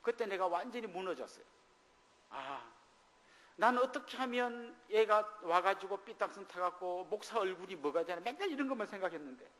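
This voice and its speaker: A man's voice: sits high, animated, normal speed, fairly bright tone. A middle-aged male pastor preaching a sermon, telling a personal story and acting out the dialogue in it. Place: church sanctuary. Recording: long reverb of a church hall.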